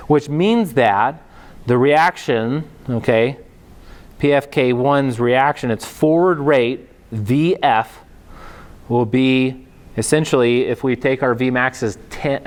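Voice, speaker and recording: Chatty male professor lecturing. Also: mid-range voice. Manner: casual, chatty, checks in with "okay?" often; digresses into joking asides. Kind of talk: university biochemistry lecture.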